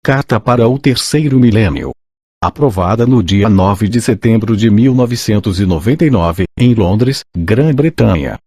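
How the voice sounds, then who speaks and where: A synthesized male voice with a Brazilian accent, like an old speech synthesizer, reading an audiobook in a mechanical, measured way. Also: on the low side, animated, darkish tone, slightly rough, dry recording, clean studio sound. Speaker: audiobook narrator. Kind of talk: scripted audiobook reading of a list of laws and credits.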